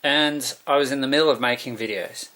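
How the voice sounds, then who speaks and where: A man's voice: mid-range voice, fairly quick, bright, forceful tone. A man, vlogging in a meandering, musing monologue that keeps correcting itself. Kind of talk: rambling monologue.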